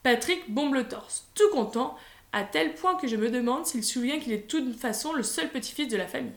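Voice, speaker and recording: A woman reading a children's story aloud in a lively, expressive way. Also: high voice, brisk. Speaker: audiobook reader. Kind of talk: scripted storybook narration. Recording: roomy echo.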